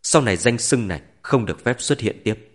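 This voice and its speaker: A man's voice: lively intonation, brisk, natural voice. Man voicing a stern former border commander. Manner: low, gentle, firm.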